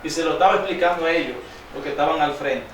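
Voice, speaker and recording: A man preaching a sermon, quizzing his congregation with call-and-response questions and reading scripture slowly with emphasis. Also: a little high, slight background noise. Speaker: pastor. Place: church sanctuary. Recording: very echoey church hall, distant mic.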